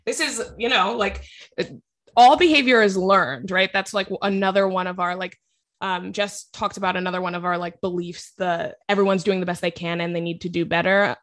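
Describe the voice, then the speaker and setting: A woman's voice: on the low side, fairly even intonation, normal speed, a bit bright. A woman co-hosting a casual podcast as a clinician, chatty and rambling, with lots of likes and self-corrections. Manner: chatty, loses her train of thought, many likes.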